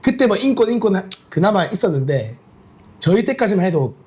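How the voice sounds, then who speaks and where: Fast, animated young man telling stories. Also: high voice. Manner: animated storytelling with laughs. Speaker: podcast guest, former special forces. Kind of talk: casual podcast chat.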